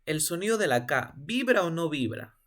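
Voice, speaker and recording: A man's voice: a little high, big pitch swings, normal speed, fairly bright tone. Patient man teaching English pronunciation. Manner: patient, drills words by repeating them. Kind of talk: online class, calling on students.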